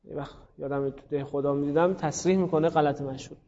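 A man's voice: fairly high pitch, fairly even intonation, dark tone, long reverb tail, lo-fi sound, slight background noise. A man teaching a grammar class, calling on students by name and thinking aloud. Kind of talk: classroom lesson on Arabic grammar.

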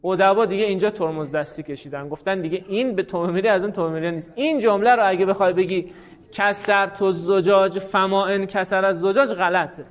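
A man's voice: high-pitched, few pauses, highs cut off. A man giving a classroom grammar lecture, explaining step by step and putting questions to his students. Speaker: teacher of Arabic grammar.

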